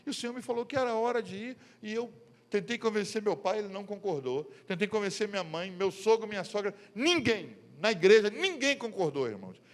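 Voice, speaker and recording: A middle-aged pastor with a Brazilian Portuguese accent preaches from the pulpit, his voice sitting high for a man. He tells his stories vividly and plays out each person's lines in turn. A long reverb from the church hall trails behind every phrase. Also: lively intonation, brisk. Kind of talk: sermon.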